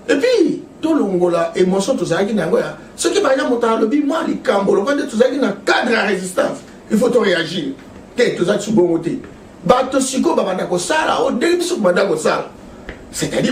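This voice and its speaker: An emphatic man talks politics with a high, swooping voice that rises and falls constantly. He laughs often as he makes his points. He is heard from a distance in an echoey studio with a faint hiss. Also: a little mellow. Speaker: political guest. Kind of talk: impassioned political talk. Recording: echoey room from far off.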